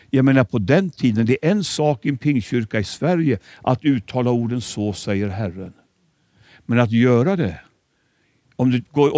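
A man's voice: medium pitch, warm tone, no echo, studio quality. A man preaching a sermon, dramatic and emphatic, sometimes stumbling over repeated words. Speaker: pastor.

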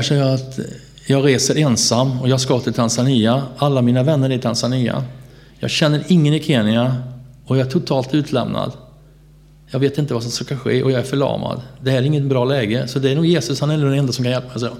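A man's voice: mid-range voice, gravelly. A man telling his personal faith testimony as a preacher, acting out the dialogue of the people in his story and laughing now and then. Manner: animated storyteller who laughs and acts out dialogue.

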